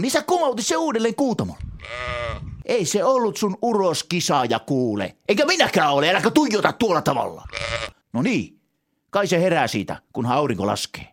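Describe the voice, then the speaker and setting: An actor playing an eccentric, pushy entrepreneur turned gardener, talking in a rambling sales pitch in a comedy sketch. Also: male voice, exaggerated voice.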